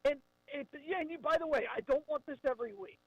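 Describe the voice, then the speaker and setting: A man's voice: extremely high pitch, quick pace, fairly bright tone, no echo. A man talking sports on a buzzy, glitchy phone call that breaks up, stammering and repeating words as he starts. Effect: buzzy, glitchy phone call audio that breaks up. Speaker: sports radio co-host on a call. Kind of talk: casual sports talk. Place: outdoors or in a car in pouring rain. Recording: dull phone line.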